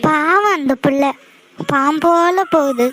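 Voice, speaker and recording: A woman's voice: sits high, slow, a bit bright. A woman voicing a sly, manipulative older aunt in a cartoon, sweet-talking and scheming. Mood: coaxing. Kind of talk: cartoon voice acting.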